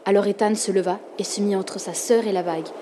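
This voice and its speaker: A woman narrating a storybook with calm, expressive reading. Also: medium pitch, fast talker, a little hiss or hum.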